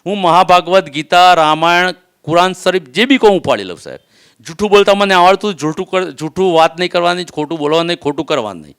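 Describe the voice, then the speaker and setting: Insistent man, fast and clear. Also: high voice, a bit bright. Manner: insistent, swears oaths, reenacts threats. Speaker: complainant doctor. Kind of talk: emotional testimony.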